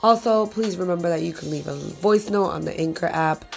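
A woman in her thirties with a voice hoarse from a cold, speaking as host in a podcast introduction. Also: fairly low pitch, fairly quick, soft background music. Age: 30s.

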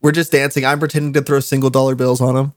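A man's voice: medium pitch, level tone, fast, no echo, studio quality. A young man casually telling a story on a stream, laughing often, swearing, with lots of "like" fillers.

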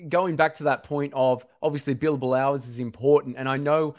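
A man hosting a live-streamed interview show, reading out viewer comments and agreeing warmly with his guest. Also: medium pitch, fairly even intonation, fairly quick, no room sound, studio quality.

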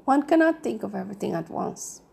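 A woman's voice: mid-range voice, expressive, brisk, creaky, darkish tone, breathy edge, heavily acted. Woman reading as a fussy, reserved retired banker.

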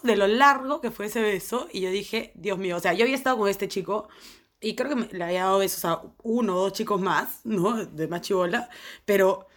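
A woman's voice: mid-range voice, a bit bright. Slangy young Peruvian woman storyteller. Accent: Peruvian Spanish. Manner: rambling, slangy, full of fillers. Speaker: podcast co-host. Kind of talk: casual storytelling chat.

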